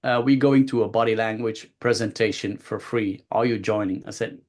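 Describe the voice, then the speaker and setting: A man's voice: on the low side, normal speed. Man, from Belgium, 50s, guest coach, chatty storytelling, lots of restarts, video call. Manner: animated, many restarts and acted-out quotes. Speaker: guest speaker, body language coach. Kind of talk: casual storytelling.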